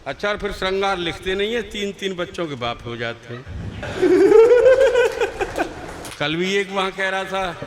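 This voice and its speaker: An older man performs humorous poetry at a live gathering, chanting verses into a stage mic and bantering with the crowd through rhetorical questions. His high-pitched voice runs a little fast with hardly any pauses, over heavy background noise.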